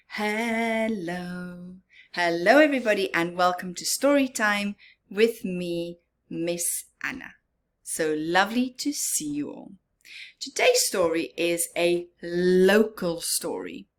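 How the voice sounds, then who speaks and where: During a children's story time, the host reads aloud in a mid-range voice with lively intonation. She breaks off now and then to explain things simply and ask the kids questions.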